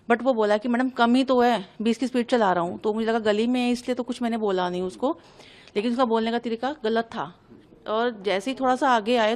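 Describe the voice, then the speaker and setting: A woman from Delhi giving an agitated first-person account to a reporter, re-enacting the exchanges as she tells it. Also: on the high side. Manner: agitated, fast, re-enacting dialogue. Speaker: interviewee recounting an incident.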